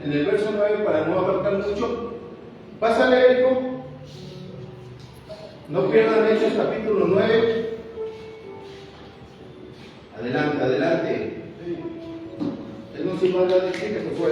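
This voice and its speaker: A man's voice: high voice, darkish tone, lo-fi sound, slight background noise. A man preaching a sermon in a church, fervent and repetitive, often calling out to "my brother". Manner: fervent, repeats phrases, keeps calling out "my brother". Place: church hall. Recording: echoey hall from far off.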